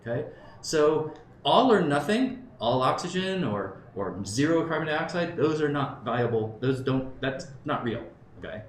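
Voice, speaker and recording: In a conference room, a man in his fifties from Southern California presents conversationally to a live crowd, thinking aloud and frequently checking in. He speaks unhurriedly at a fairly high pitch with big pitch swings and hardly any pauses, and the live recording sounds roomy with faint background noise.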